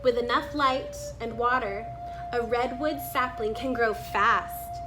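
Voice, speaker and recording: Music plays behind a woman with a fairly high voice as she reads a children's book aloud. She breaks off from the text here and there to comment casually on the illustrations.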